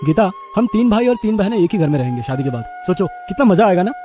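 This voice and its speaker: A man playing a naive young son in a cartoon story, hesitant and gentle. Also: high voice, sing-song, fast talker, over music. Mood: earnest.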